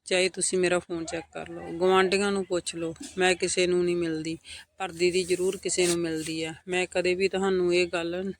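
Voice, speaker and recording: A man tells a family drama in the first person, speaking every character's lines in his own voice. He sits high in pitch and stays level and even throughout, with an earnest, measured delivery. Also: slight background noise. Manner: steady, earnest retelling of family drama, voicing all quotes. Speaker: storyteller. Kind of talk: scripted first-person story narration.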